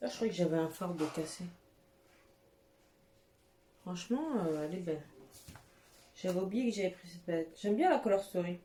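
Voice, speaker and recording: A woman's voice: lowish voice, animated, normal speed, long pauses, warm tone. Gushing woman chatting in an echoey room. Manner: chatty, gushing exclamations and casual swearing. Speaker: beauty vlogger. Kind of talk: casual haul chat. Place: at home, with her cat nearby. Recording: echoey room with faint noise.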